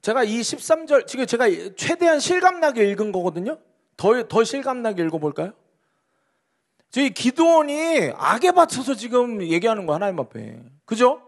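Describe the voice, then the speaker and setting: Animated high-voiced male pastor preaching. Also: moderate pace. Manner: emphatic, rhetorical questions, reads scripture dramatically. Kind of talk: sermon. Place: church sanctuary.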